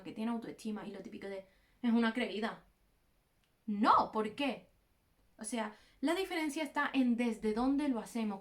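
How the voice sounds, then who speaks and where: A young woman with a Peninsular Spanish accent giving direct, encouraging self-help advice to her viewers. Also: a little high. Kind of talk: motivational advice talk.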